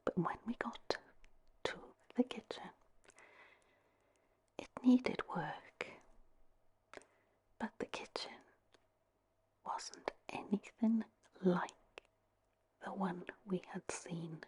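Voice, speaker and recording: A woman with a Welsh accent telling a story in a gentle, breathy, unhurried ASMR whisper. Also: mid-range voice. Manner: unhurried, gentle delivery with long pauses. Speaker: host telling a story to listeners.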